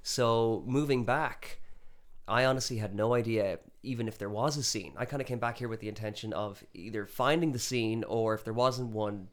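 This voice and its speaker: A man's voice: fairly low pitch, moderate pace. A man with a west of Ireland accent, chatting casually and enthusiastically as an interview guest, telling stories in Irish turns of phrase. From Galway, west of Ireland. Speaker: interview guest, musician and performance poet.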